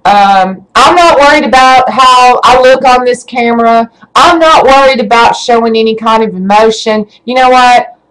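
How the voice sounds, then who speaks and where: A woman's voice: on the high side, moderate pace, rough recording. Stammering woman ranting on webcam. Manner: stammering, building to shouting anger. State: shaking with rage. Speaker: vlogger. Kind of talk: emotional webcam rant.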